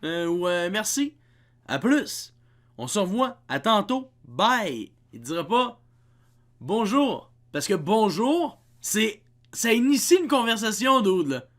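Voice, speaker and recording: A man's voice: high voice, big pitch swings, takes it slowly, a bit bright. A young man with a Québécois accent hosting a reaction video, exasperated and mocking, swearing freely as he rants. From Quebec. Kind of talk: ranting reaction commentary.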